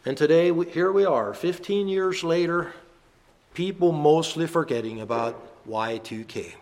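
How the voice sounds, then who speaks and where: A man's voice: on the high side, unhurried, a little mellow. A man in his fifties, a minister giving a reflective sermon and reminiscing about the past. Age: 50s.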